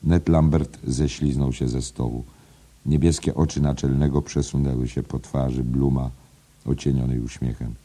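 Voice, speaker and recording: Male audiobook narrator, very deep voice, very dark mellow tone, measured literary reading. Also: steady tone, breathy edge. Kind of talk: scripted narration.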